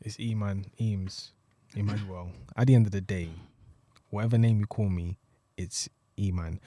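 A man's voice: lowish voice, steady tone, normal speed, dark tone, no echo. Male co-host, dry close sound. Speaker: podcast co-host. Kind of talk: casual group podcast chat.

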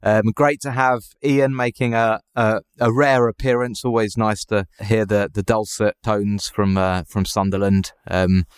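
A man's voice: on the low side, little pitch movement, measured pace, few pauses, clean tone, no echo, clean studio sound. A man hosting a football podcast in a conversational presenting style. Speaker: podcast host.

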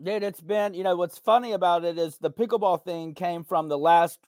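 Earnest man, somewhat high voice, dry sound. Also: fairly even intonation, normal speed, no room sound. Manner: earnest, reflective, many fillers like "you know". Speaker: podcast guest, veteran and content creator. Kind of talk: candid conversational interview.

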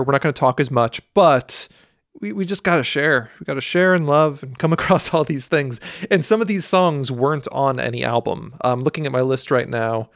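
A man's voice: mid-range voice, creaky, no room sound, clean studio sound. A man hosting a music podcast in casual, enthusiastic chat, often rephrasing himself.

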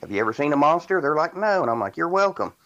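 A man's voice: on the high side, very animated, fast, a bit bright, muffled recording. A man in his forties from Indiana, a podcast guest telling his story casually, rambling with fillers and restarts. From Indiana, USA. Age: 40s.

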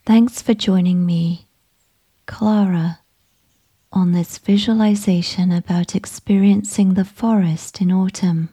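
Breathy whispery lady leading a meditation, super slow, mellow low tone. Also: fairly even intonation. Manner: slow, soothing, gentle instructions. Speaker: meditation guide.

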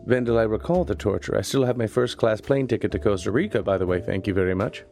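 A man narrating and voicing a private investigator in a noir audio drama, with a dry, deadpan wit. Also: on the low side, fast talker, soft background music.

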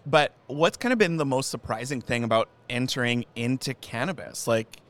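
A man's voice: medium pitch, expressive, normal speed, a bit bright. Upbeat male podcast host. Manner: upbeat, chatty, reads bio lists. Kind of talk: podcast intro and interview.

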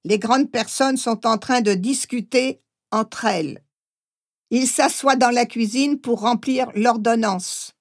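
Female memoir narrator, high voice, slow, measured first-person reading. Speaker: audiobook narrator.

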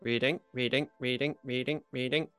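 A man's voice: mid-range voice, steady tone, moderate pace, fairly bright tone, clear, resonant tone, dry recording, faint music behind, pitched below the performer's own voice, natural voice. A man voicing a talking lab bench computer in a tabletop game, speaking in clipped, robotic processing announcements. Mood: flat robotic.

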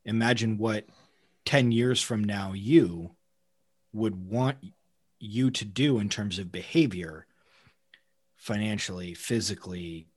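A man in conversational podcast talk as co-host, thinking aloud in a halting way. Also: fairly low pitch.

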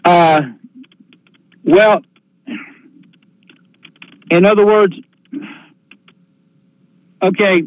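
Halting man on a tinny phone line. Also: high-pitched, fairly even intonation, no echo. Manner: halting, hesitant, evasive. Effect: heard over a phone line. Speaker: caller to sheriff's office.

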